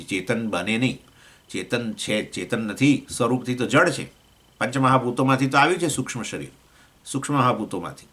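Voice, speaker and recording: A man with a Gujarati accent teaching a scripture class, explaining with questions to his listeners and swinging between raised points and low asides. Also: fairly bright tone. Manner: explains with questions to listeners, acts out voices of elements. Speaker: swami teaching Vedanta.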